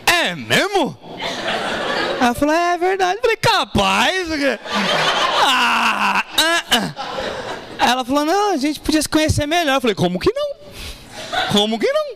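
Over a loud, very noisy crowd in a small café, a comedian with a very high voice and vocal fry tells a story at a measured pace, pausing often. He acts out both sides of the dialogue, animated and profane, for the live audience.

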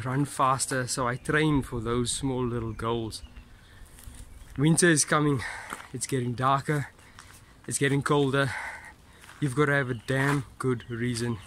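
A man in his thirties giving a motivational vlog talk to camera in measured short phrases with pauses. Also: mid-range voice, a bit bright, a little hiss or hum. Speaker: running vlogger. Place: outdoors on a roadside. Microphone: phone at arm's length.

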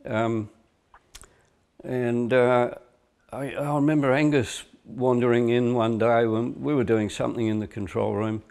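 A man's voice: medium pitch, fairly even intonation, unhurried, vocal fry, a little mellow. An older man, a band member, telling wry stories in an interview. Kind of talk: reminiscing interview.

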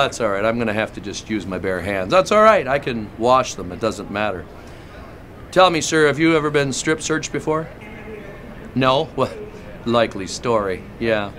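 A man's voice: mid-range voice, a bit bright. A male comedian playing a pushy, leering airport security guard, talking in a sarcastic, interrogating, mock-official manner. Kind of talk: comedic character monologue.

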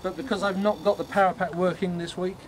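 Man, higher-pitched voice, ghost tour guide, informal, halting, matter-of-fact, noisy night recording. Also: little pitch movement. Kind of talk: informal explanatory talk to a tour group. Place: on a night walking tour, in the dark.

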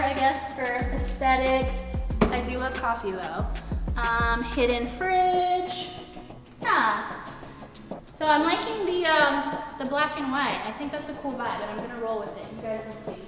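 A woman's voice: sits high, expressive, unhurried. Sing-song young woman in an echoey empty home. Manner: chatty, sing-song, many "like"s. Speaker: vlogger giving a home tour. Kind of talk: casual vlog walkthrough. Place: large empty apartment. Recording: very echoey empty rooms with music. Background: music from house speakers.

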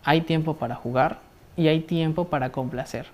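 A man, a psychologist guest giving measured, explanatory answers and often checking in with tag questions. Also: a little high, a little mellow.

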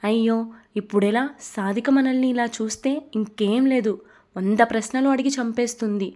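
In a slightly high voice, a woman reads as a flustered young woman who keeps snapping and scolding. She sounds exasperated and quick to lose patience, like a romance heroine in an audio storybook. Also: fairly even intonation, warm tone, lightly acted. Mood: panicky.

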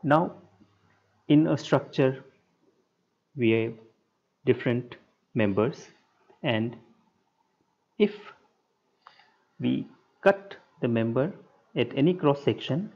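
In a dull, lo-fi whiteboard screen recording, a man explains structural engineering in short, halting, measured phrases. His medium-pitched voice is gravelly and husky, yet animated.

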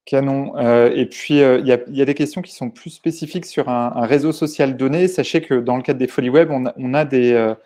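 A man's voice: mid-range voice, steady tone, brisk, few pauses, mellow. A man moderating a live webinar, relaying audience questions with many hesitations and fillers.

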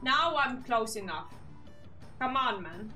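A woman's voice: on the high side, lively intonation, slow pace, bright, forceful tone, far from the mic, faint music behind. A young woman streaming a horror game, jittery and scared, covering it with sweary bravado. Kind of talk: horror game livestream commentary. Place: indoor room at a streaming desk.

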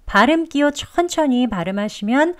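A woman teaching English pronunciation, explaining patiently and modelling sounds slowly. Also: sits high, lively intonation. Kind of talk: pronunciation lesson.

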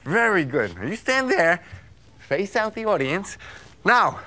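A man's voice: high voice, sing-song, measured pace, pushed and bright, exaggerated voice. A man playing a big, silly, happy-go-lucky wolf on a children's stage, talking playfully to the kids. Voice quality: playful, jumps into animal sounds. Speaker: live stage performer. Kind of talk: live children's theater. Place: stage before a child audience.

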